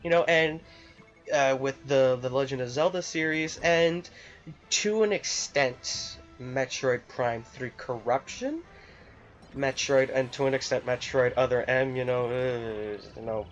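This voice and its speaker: A video game YouTuber with a medium-pitched voice talks unhurriedly and off the cuff in a casual, unscripted opinion vlog, rambling and hesitating with repeated phrases. The dull lo-fi mic picks him up over background music.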